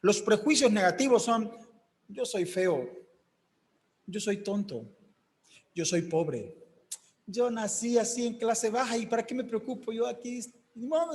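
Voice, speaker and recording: Male preacher, emphatic sermon delivery, fairly high voice, long hall reverb. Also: animated, measured pace, pauses often, darkish tone. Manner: emphatic, acts out quoted voices.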